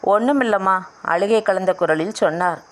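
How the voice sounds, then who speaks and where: A woman's voice: mid-range voice, normal speed. Woman narrating a family audio novel. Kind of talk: storytelling narration with dialogue.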